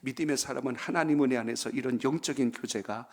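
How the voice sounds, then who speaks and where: In a church sanctuary, a male pastor delivers a Friday prayer-meeting sermon, calling out for amens and cracking folksy jokes. His voice sits in the mid range, and he talks fast.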